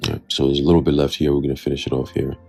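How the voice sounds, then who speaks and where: A man with a husky, gravelly low voice delivers casual commentary on his own channel. He is blunt and swears freely, circling back to his points with "okay?" and "right?". Faint music plays under his voice. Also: little pitch movement, rapid-fire, a little mellow. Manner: reads from a news article aloud between remarks. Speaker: channel host giving prophecy commentary.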